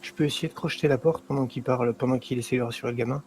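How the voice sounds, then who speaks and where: A man's voice: mid-range voice, steady tone, darkish tone, slight background noise. A man playing a tabletop role-playing game, talking through dice rolls and skills in a matter-of-fact way. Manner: quick, matter-of-fact about rules. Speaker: player. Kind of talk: casual tabletop game play.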